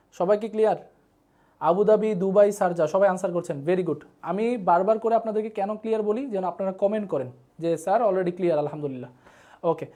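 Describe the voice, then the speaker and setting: A man's voice: high-pitched, a little mellow. A man with a Bangladeshi Bengali accent teaching a live online class, repeating terms and asking viewers to comment. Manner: repetitive drilling, asks viewers to comment.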